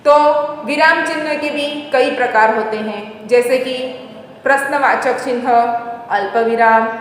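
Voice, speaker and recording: A woman teacher giving a slow, deliberate grammar lesson to children, addressing them directly and loudly stressing example words. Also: sits high, a little hiss or hum. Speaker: school teacher. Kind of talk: classroom Hindi grammar lesson. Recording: very echoey hall-like room.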